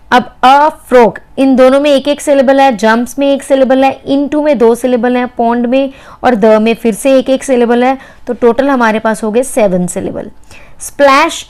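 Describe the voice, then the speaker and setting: A woman's voice: a little high, darkish tone. A woman teaching literary terms in an explanatory lecture, asking and answering her own questions. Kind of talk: explanatory lecture mixing Hindi and English.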